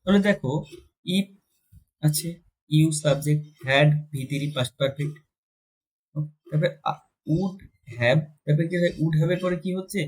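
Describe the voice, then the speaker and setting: Husky-voiced male grammar teacher. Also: fairly high pitch, darkish tone, low-quality recording. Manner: explains step by step, asking and answering his own questions; switches between Bengali and slowly dictated English. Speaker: English teacher. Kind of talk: exam-prep grammar lesson.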